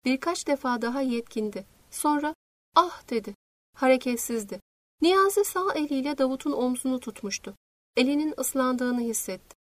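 A woman reading a novel aloud in measured, scripted narration. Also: high-pitched, expressive, no room sound. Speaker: audiobook narrator.

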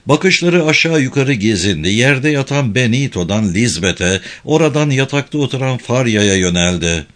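A man's voice: mid-range voice, moderate pace. A man narrating a prison thriller audiobook in a dramatic, scripted reading. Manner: dramatic, expressive.

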